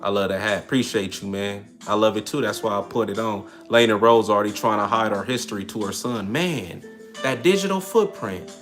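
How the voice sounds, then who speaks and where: A man's voice: fairly low pitch, a little fast, a bit bright, soft background music. A man hosting a livestream in casual talk, reading and answering chat comments in a streetwise, preachy manner. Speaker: livestream host.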